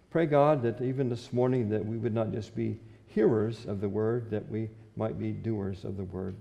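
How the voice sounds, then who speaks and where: A long reverb tail trails the medium-pitched, gravelly, mellow voice of an older man. He is a pastor at the pulpit with a stand microphone, preaching earnestly in an old-fashioned way and reading scripture aloud.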